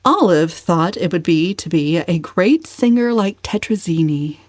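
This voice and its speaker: An audiobook narrator, a woman with a slightly low voice, reads a novel in a measured, expressive style, like a dramatic reading. The recording is very dry, with no room sound or echo.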